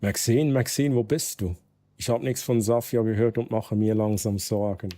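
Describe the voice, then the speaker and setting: A man's voice: lowish voice, fairly even intonation, moderate pace, mellow, close to an everyday voice. A man with a Swiss German accent reading out the texts of a desperate, grieving mother. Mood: pleading. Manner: pleading, anxious, read-aloud text messages.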